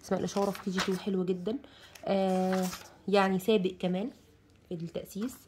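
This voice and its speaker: Egyptian woman, quick and chatty book reviewer, enthusiastic, filler-heavy. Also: medium pitch, little pitch movement, a little mellow, slight background noise. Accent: Egyptian Arabic. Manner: chatty, enthusiastic, many fillers, lists contents aloud. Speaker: bookshop presenter reviewing a children's book. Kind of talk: casual book review while leafing through pages.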